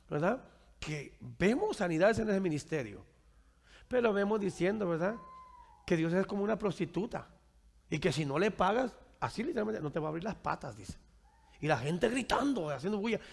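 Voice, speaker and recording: A man's voice: high-pitched, gravelly, breathy edge, big-room sound. A man preaching to his congregation and taking their questions, with a habit of asking "right?" after his points and calling his listeners brother. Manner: keeps asking "¿verdad?" and addresses listeners as brother. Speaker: pastor.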